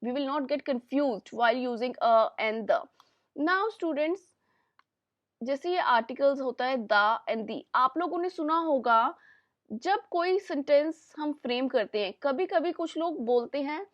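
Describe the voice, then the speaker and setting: A high-pitched woman giving an English lesson. She talks at an unhurried pace and slows right down for example sentences, switching between Hindi and English. The recording is dry and close. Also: animated, no room sound, muffled recording. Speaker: English teacher. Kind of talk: classroom-style English lesson.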